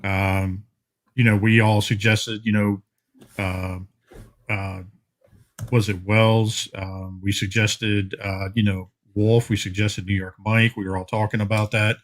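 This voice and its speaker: A man co-hosting a podcast, telling how the show started in a rambling casual way, full of fillers and quick laughs. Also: fairly low pitch, little pitch movement. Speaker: podcast co-host. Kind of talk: casual chat.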